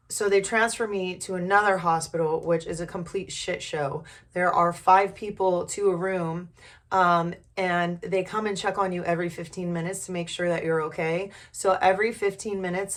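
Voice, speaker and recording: A middle-aged woman vlogger, her somewhat low voice still hoarse from a recent illness, shares a personal story in a loose, chatty way. She speaks frankly and informally and swears a little.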